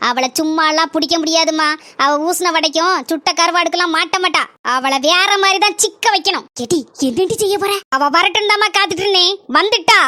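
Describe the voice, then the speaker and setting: A woman with a Kanyakumari Tamil accent voicing a scheming village mother-in-law and her gossiping friend in a cartoon, talking fast and scolding. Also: extremely high pitch, bright, forceful tone, no echo, clean studio sound. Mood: plotting.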